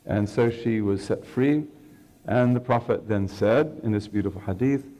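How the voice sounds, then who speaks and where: Man, mellow tone, conversational teacher telling a story to an audience. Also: lowish voice, moderate pace. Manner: conversational, checks in with the audience using "okay". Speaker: Islamic scholar lecturing. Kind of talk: religious lecture with storytelling.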